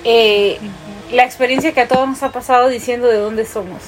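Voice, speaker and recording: A woman's voice: a little high, fairly even intonation, brisk, faint music behind. A woman from Peru with a Peruvian Spanish accent, co-hosting a casual podcast and agreeing often while steering the topics. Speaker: podcast co-host. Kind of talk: casual chat.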